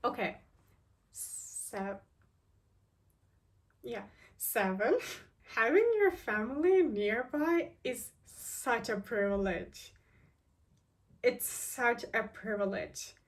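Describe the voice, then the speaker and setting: A woman's voice: fairly high pitch, lively intonation, extremely slow, pauses often, recorded from a distance. A woman of twenty-three from Turkey, talking earnestly to camera and thinking aloud, with lots of "like" and restarts. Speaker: vlogger. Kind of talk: casual reflective talk to camera.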